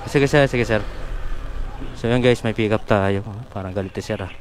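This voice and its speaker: A man's voice: lowish voice, normal speed, slight background noise. A man working as a motorbike taxi rider, chatting politely with his passenger and apologizing often, recorded outdoors on a small worn mic. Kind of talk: casual chat with a passenger. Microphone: small mic worn while riding.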